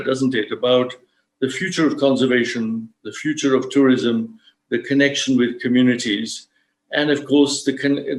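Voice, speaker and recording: A man from Uganda who founded safari lodges, giving a measured, formal talk on a live stream with frequent fillers. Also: medium pitch, echoey room, rough recording.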